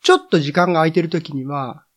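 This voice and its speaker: Middle-aged man, somewhat high-pitched. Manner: reminiscing storyteller, many drawn-out fillers. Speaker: guest, editor and cycling journalist. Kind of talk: casual podcast conversation.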